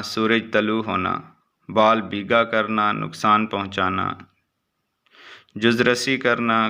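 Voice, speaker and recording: Man reciting exam facts, gravelly voice. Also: on the low side. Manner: steady recitation of short facts, brief asides. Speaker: exam prep teacher. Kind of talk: reading quiz answers aloud.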